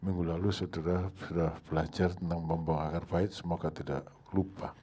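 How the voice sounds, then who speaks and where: Middle-aged male preacher, dark husky timbre, storytelling style with big swings. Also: flat delivery, a little fast. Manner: storytelling, acts out his own anger with sharp rises in pitch and volume. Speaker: pastor. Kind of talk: sermon.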